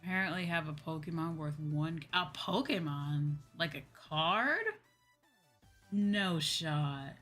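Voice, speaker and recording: A young American woman livestreams with background music playing, chatting casually to her viewers like a VTuber, full of slang and exclamations. Her voice is low-pitched and fairly bright, and she talks slowly.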